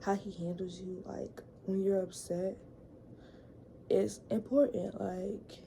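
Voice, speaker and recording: A woman's voice: mid-range voice, level tone, takes it slowly, creaky, warm tone, a little hiss or hum, low-quality recording. A young woman telling a casual storytime vlog story, chatty, full of fillers and repeated words. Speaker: vlogger.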